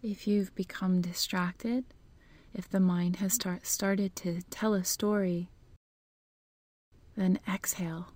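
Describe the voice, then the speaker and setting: A woman leading a guided meditation in a slow, soft voice that often drops into a whisper. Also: on the low side, fairly even intonation, no room sound.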